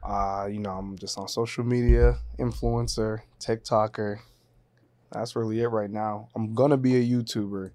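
A man in his twenties from Haiti, a podcast guest telling his story in a relaxed, casual way. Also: fairly low pitch, moderate pace, dry recording. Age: 20s. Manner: relaxed, storytelling, laughs easily.

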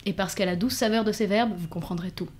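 A woman's voice: mid-range voice, fast, darkish tone. A woman hosting a podcast, playful and lyrical, poking fun at herself. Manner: playful, lyrical, self-mocking. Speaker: podcast host. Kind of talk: podcast intro and casual chat.

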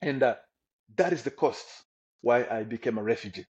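A man's voice: medium pitch, normal speed. Eager young man from the Congo, lo-fi. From Democratic Republic of the Congo. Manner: energetic and enthusiastic. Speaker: podcast guest. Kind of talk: personal story interview. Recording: slightly dull lo-fi audio.

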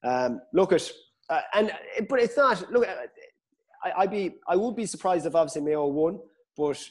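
This time his voice is high-pitched and animated, at normal speed. As a podcast guest and Gaelic football pundit, he discusses the sport casually, pausing uncertainly and repeating himself while thinking aloud.

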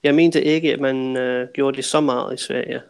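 Relaxed male podcast host, gravelly. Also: mid-range voice. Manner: relaxed, switches to explaining in English for listeners. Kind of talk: casual interview chat.

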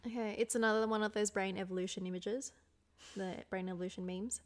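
A woman talking in a loose, relaxed chat as co-host. She laughs a lot and swears without a second thought, and her pitch sits in a middle range. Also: fast talker. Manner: laughing, swearing freely, reading memes aloud. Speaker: podcast co-host. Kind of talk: casual chat.

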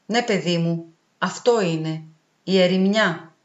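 Woman reading as a quiet lonely old man. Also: on the low side, close to an everyday voice. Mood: sad, gentle. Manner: soft, quiet voice. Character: lonely old male lighthouse keeper, gentle. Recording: roomy, dull, with faint music.

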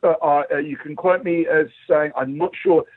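A middle-aged man with a broad Australian accent and a husky voice, chatting casually and telling anecdotes as an animated interview guest. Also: on the high side, normal speed, dry recording. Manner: animated storytelling, acts out quoted remarks. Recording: tinny phone-like line.

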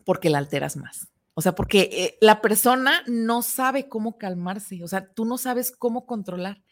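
A woman with a Mexican accent in casual chat as co-host, animated and acting out quoted people. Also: moderate pace, no echo. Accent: Mexican Spanish. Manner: animated, acts out quoted people in high voices.

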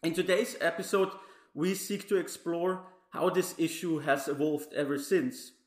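A male podcast host reads a scripted introduction in a formal, measured way. His voice sits a little higher than most men's. The recording has a noticeable room echo around it. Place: Brussels. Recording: roomy echo.

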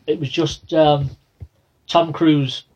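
A man chats casually about films and TV, often repeating his first words before he gets going. His voice is husky and a little high. The recording is dull and lo-fi. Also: steady tone, slow pace, darkish tone. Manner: stammers on openings, repeats words. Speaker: podcast co-host. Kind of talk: casual film and TV chat.

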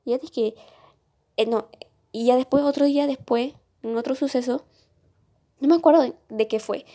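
A woman's voice: high voice, normal speed, dark tone. A young woman telling a school story in a casual, rambling podcast chat. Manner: rambling, many restarts and fillers.

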